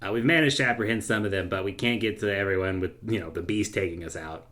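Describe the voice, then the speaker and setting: A man's voice: lowish voice, quick pace, fairly bright tone, lightly acted. A man voicing a flustered, casual palace knight who speaks in a hesitant, offhand, repetitive way. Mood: sheepish. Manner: hesitant, offhand, repeats himself.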